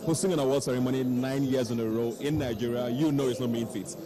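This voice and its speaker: A man's voice: mid-range voice, quick pace. A man giving enthusiastic, complimentary red carpet chatter as a guest at an event. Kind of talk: casual red carpet interview chat. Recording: busy outdoor crowd noise.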